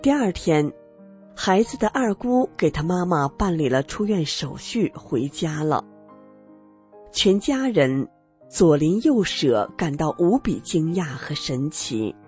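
A woman narrating a first-person story on a radio program, earnest and expressive. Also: low voice, slow pace, soft background music.

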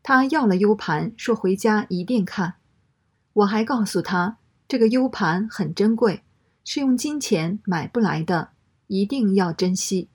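A woman reading a first-person story aloud in a steady, matter-of-fact way. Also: medium pitch, measured pace, breathy edge.

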